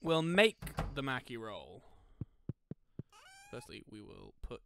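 A man's voice: mid-range voice, big pitch swings, slow, vocal fry, background noise. A man giving casual let's-play commentary on a farming game, thinking aloud with lots of fillers. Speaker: gaming commentator.

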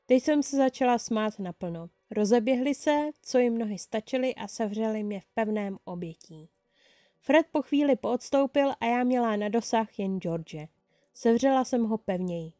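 Storyteller: a woman reading fan fiction aloud, first person and lively, with a dark, mellow voice and a dry, close sound. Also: on the high side, no echo, faint music behind.

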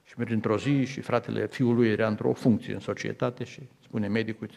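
A man's voice: lowish voice, level tone, gravelly, a little mellow. A man from Romania preaching a sermon to his congregation, telling stories and quoting others. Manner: storytelling with acted quotes, building to fervent appeals. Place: large church hall. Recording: reverberant church hall.

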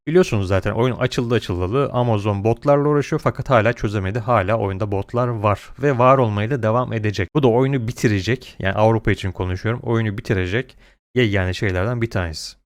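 A man's voice: lowish voice, fast talker. A man giving blunt, opinionated gaming commentary, complaining in slangy, mildly sweary language. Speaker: gaming video creator.

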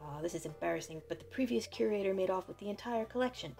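A woman's voice: mid-range voice, lively intonation, fast talker, gravelly, warm tone, soft background music. A woman voicing a polite, earnest male museum curator from a video game. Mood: welcoming, earnest.

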